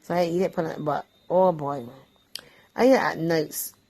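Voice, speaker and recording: A woman's voice: low voice, steady tone, unhurried, a little mellow, breathy edge, rough recording. A woman with a Barbadian accent, chatting casually about a simple breakfast dish while she eats it. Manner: chatty, easygoing, talks between bites. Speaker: vlog host. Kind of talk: casual cooking chat while eating.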